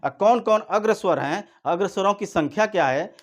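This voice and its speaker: A man teaching an exam-prep lesson, explaining slowly and repeating points, drawing out vowel sounds to demonstrate them. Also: high-pitched. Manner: slow, repetitive explaining, drawn-out vowel demonstrations.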